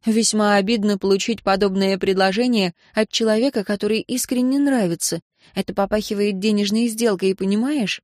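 A woman voicing an earnest young heroine in an audiobook, speaking gently and pleading. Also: medium pitch, fairly even intonation, fairly quick, no echo, studio quality, close to an everyday voice. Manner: gentle then pleading, voice rising when upset. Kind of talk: audiobook character reading.

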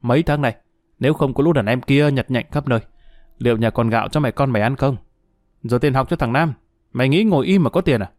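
A man voicing a hot-tempered ex-convict husband who shouts and curses roughly. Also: mid-range voice, expressive, fast talker, dry recording, studio quality, close to an everyday voice. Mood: angry.

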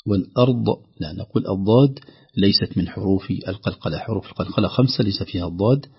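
A man teaching Quran recitation rules, reciting each word slowly to show how it should sound. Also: low voice, vocal fry, slightly rough. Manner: demonstrates words by reciting them slowly. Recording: dull lo-fi broadcast audio.

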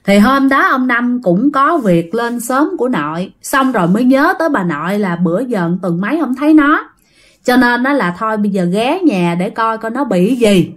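Woman storyteller, fairly high voice, chatty ghost-story narration. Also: expressive, moderate pace. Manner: chatty, addresses listeners directly. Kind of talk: casual ghost story telling.

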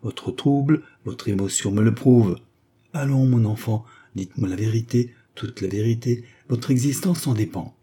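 A man's voice: mid-range voice, normal speed, mellow, husky, pitched above the performer's own voice, lightly acted. A man voicing a young defense lawyer who questions his client patiently and coaxingly. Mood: urging. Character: young male lawyer, probing, patient, gently persuasive.

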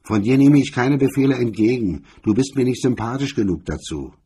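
A man reading aloud, voicing a drunk, bullying cop with a rough, booming voice and barking contempt. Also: a little fast, dark tone. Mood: blustering.

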